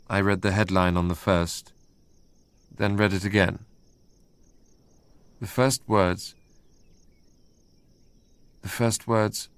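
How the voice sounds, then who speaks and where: A brooding, proud young Englishman with a low voice narrates his ordeal in the first person for a dramatic radio drama. His storytelling is literary and measured, and the recording has no echo.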